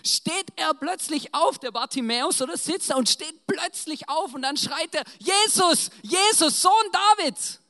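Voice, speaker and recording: A preacher telling a Bible story in a casual, slangy, animated way, often checking in with the congregation. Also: high voice, moderate pace, few pauses. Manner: slangy, animated, keeps asking "right?". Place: church in front of a congregation. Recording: long church reverb.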